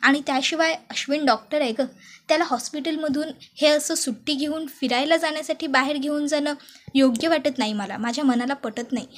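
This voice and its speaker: A woman's voice: high voice, brisk, lightly acted. Protesting young wife, read by a woman. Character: young wife evading, defensive.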